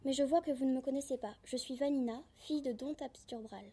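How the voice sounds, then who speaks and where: A woman's voice: high-pitched, brisk, dark tone. A woman reading aloud the lines of a passionate, impulsive young noblewoman in a storybook reading. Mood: ardent.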